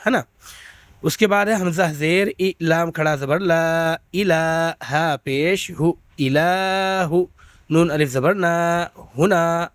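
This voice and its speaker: A man's voice: a little high, fairly bright tone, clear, resonant tone, dry recording. Patient male recitation teacher, dry sound. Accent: Pakistani Urdu. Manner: slow drawn-out syllable recitation between quick explanations; patient, repeats checks with listeners. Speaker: Quran reading teacher. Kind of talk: spelled-out recitation lesson.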